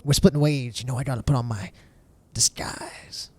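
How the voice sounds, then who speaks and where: A man's voice: mid-range voice, very fast, a little mellow, slightly rough, no echo. A man narrating as dungeon master, rambling with fillers and restarts. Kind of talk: narrating a tabletop game.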